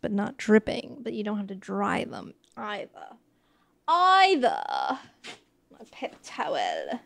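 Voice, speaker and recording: A woman's voice: a little high, vocal fry, no echo. A young woman and podcast host, chatting in a rambling, self-deprecating way while she cooks and talks about editing. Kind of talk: casual cooking vlog narration.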